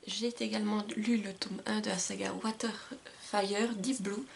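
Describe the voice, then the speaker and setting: A young woman with a gravelly, fry-tinged voice chats through her monthly book review at an ordinary middle pitch. She talks with eager enthusiasm and often pauses to hesitate. The sound is from a camcorder in a shuttered room. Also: fairly even intonation, slight background noise. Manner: chatty and enthusiastic, with many hesitations. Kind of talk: casual book review vlog. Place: indoor room with blinds closed.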